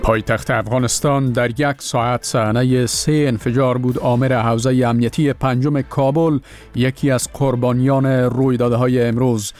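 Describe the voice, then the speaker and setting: A male radio news presenter with an Afghan accent reads a scripted programme opening. His voice sits at a middle pitch, and soft music plays faintly underneath. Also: steady tone.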